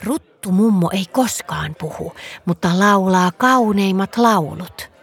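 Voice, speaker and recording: A woman's voice: medium pitch, husky. A woman voicing a friendly, easygoing magical fox in a storybook reading.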